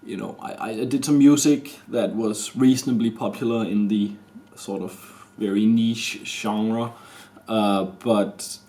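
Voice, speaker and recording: This man's voice sits fairly low, with a steady, warm tone. He is a thirty-something Danish vlogger speaking into his camera mic, confessing something personal in a halting, rambling way, often restarting and using fillers.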